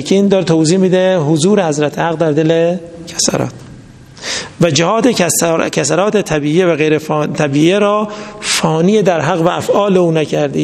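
A man's voice: a little high, creaky, darkish tone. A man giving a religious lecture, reading a text aloud and then explaining it in everyday speech with stories. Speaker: religious teacher. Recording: long hall reverb.

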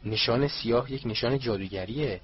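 A man voicing a reasonable, fatherly middle-aged wizard who objects quickly, on a dull lo-fi recording. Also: medium pitch, husky. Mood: exasperated.

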